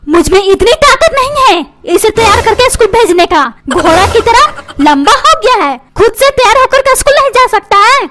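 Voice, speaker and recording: A woman's voice: very high voice, big pitch swings, moderate pace, hardly any pauses, heavy background noise. Woman voicing a nagging cartoon mom. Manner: nagging, melodramatic complaining. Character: nagging cartoon mother, dramatic and complaining.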